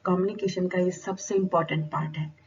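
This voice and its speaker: A woman's voice: fairly low pitch, fairly even intonation, brisk, darkish tone. Lady teaching a class, asks a question then answers it, sounds a bit far off and muffled. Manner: asks rhetorical questions and answers them herself. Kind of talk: explanatory lecture. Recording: dull, slightly distant recording with faint noise.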